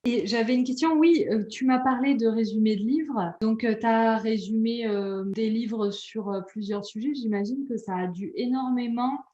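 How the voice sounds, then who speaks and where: A woman's voice: a little high, normal speed, hardly any pauses, mellow. A woman interviewing a guest, asking curious questions. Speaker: interviewer, web writing trainer. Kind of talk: casual interview. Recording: echoey room, dull lo-fi sound.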